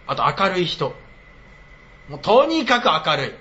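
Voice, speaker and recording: A man's voice: high voice, wildly swooping pitch, unhurried, pushed and bright, highs cut off, a little hiss or hum. A man streaming live in casual chat, blunt and teasing, often breaking into laughter.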